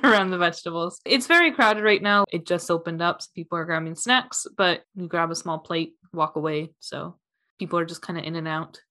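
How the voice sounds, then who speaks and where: A woman with a fairly low voice runs a tabletop game as its game master. She narrates scenes and slips into characters' lines, laughing often between them. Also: a little fast, sharp tone.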